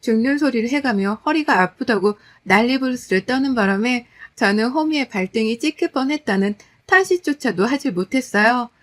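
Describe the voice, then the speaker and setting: A woman telling her own story as a daughter-in-law, in steady, conversational scripted narration with wry exasperation. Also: a little high, normal speed, few pauses.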